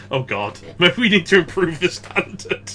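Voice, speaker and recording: A man co-hosting a casual gaming podcast, chatty and rambling, quick to laugh. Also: sits high, pushed and bright, slight background noise. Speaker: podcast co-host.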